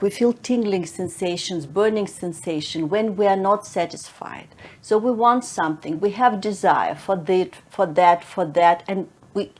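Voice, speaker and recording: Gentle woman teaching meditation. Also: mid-range voice. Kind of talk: explanatory meditation talk.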